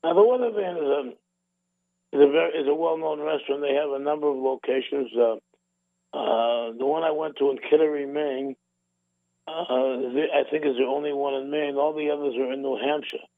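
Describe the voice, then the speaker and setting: A man's voice: on the high side, steady tone, brisk, no echo. A man from the Boston area hosting a radio show, chatting casually in a rambling way with repeated words and restarts. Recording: narrow phone-like radio sound, dry.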